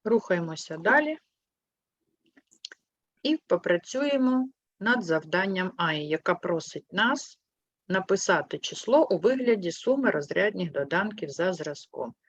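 A woman teaching a primary school class, patient and clear, asking questions and gently correcting her pupils. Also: animated, a little slow, no echo. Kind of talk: online class lesson. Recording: muffled low-fidelity sound.

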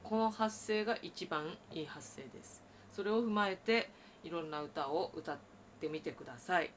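A woman teaching traditional Japanese singing, explaining breath and voice and breaking into loud sustained sung tones. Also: fairly low pitch, moderate pace, slight background noise. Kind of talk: vocal lesson with sung demonstrations.

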